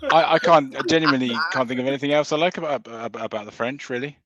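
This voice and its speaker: A man making dry, deadpan jokes in a podcast chat. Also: medium pitch, fast talker, lo-fi sound, over a noisy crowd.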